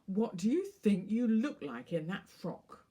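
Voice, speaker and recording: A woman's voice: medium pitch, sing-song, measured pace, warm tone, slightly rough. A woman reading aloud as a judgmental male talking spaniel with a Birmingham accent, blunt and moralizing. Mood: critical.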